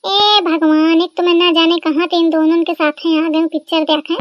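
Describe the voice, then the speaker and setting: एक cartoon comedy में कानपुरी देहाती लहजे वाली, झिड़कने वाली तेज़ ज़बान बहू, जिसे एक महिला निभा रही है। आवाज़ बहुत ऊँची है और रिकॉर्डिंग एकदम सूखी, बिना गूँज की।. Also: female voice, very high voice, little pitch movement, normal speed, dry recording, lo-fi sound, voice pushed down. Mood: grumbling. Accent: Kanpuri rural Hindi. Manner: scolding, blunt village banter. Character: grumbling rustic daughter-in-law, sharp-tongued, middle-aged. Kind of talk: animated cartoon comedy voicing.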